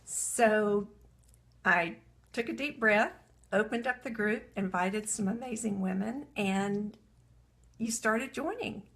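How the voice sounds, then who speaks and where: A woman with a gravelly edge to her voice leads a live coaching talk at an unhurried pace. She speaks earnestly and reflectively, reading entries aloud from her journal as she guides a writing exercise. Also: mid-range voice, fairly bright tone. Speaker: coach for women entrepreneurs.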